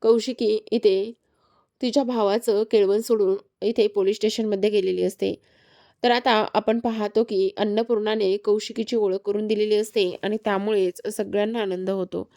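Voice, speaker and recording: Gravelly-voiced woman retelling a serial. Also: medium pitch, normal speed. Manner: steady retelling with frequent fillers. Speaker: TV serial recap narrator. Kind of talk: storytelling recap of a TV serial.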